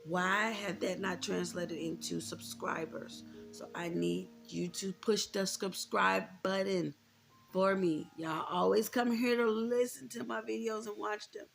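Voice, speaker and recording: An American vlogger in her thirties speaks candidly and informally to her viewers from an indoor room with a closet, reflective and repeating points for emphasis. Her medium-pitched voice has vocal fry, a level tone and a slightly slow pace. Faint music plays behind her.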